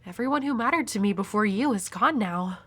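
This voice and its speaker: A woman's voice: mid-range voice, animated, fairly quick, bright, forceful tone. Himeno, a woman playing a flirty, world-weary devil hunter. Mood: wistful, resigned. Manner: teasing, coy, breathy at times. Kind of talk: intimate audio roleplay addressed to the listener.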